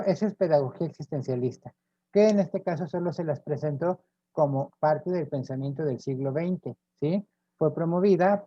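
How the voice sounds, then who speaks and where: A man's voice: fairly high pitch, dry recording, highs cut off. A man with a Mexican accent giving a university lecture, explaining step by step and checking in with frequent tag questions. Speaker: professor.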